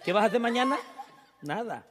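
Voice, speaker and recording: A man with a Mexican accent doing crude, teasing stand-up banter as emcee at a live show, rowdy and quick to laugh. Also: high voice, lively intonation, over a noisy crowd, very noisy. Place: live concert stage. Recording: reverberant live venue with band music. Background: band music.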